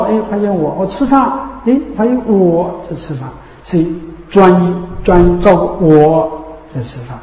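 A man's voice: sits high, a little mellow. A man teaching as a Buddhist preacher, repeating himself and asking rhetorical questions to check that listeners follow. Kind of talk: Buddhist sermon. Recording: echoey hall reverb.

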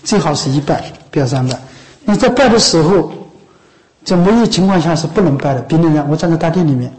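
A man with a fairly high voice gives an informal Buddhist dharma talk. He speaks in a coaxing, conversational way and keeps asking whether his listeners understand. Now and then he breaks off to cough. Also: animated, quick pace, darkish tone, poor audio. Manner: conversational, often asks "知道吗？" and "是不是？". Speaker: Buddhist monk teacher. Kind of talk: dharma talk to lay followers.

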